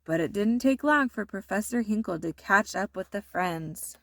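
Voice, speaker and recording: Narrating a children's storybook, a woman uses a mid-range, creaky voice with an expressive and unhurried storytelling style. The recording has no echo.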